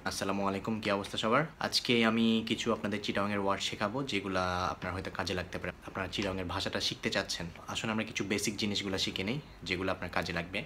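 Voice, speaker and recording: A young man with a Chittagonian accent teaching phrases in a casual spoken lesson, repeating each phrase slowly. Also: lowish voice, a bit bright, a little hiss or hum. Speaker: language teacher.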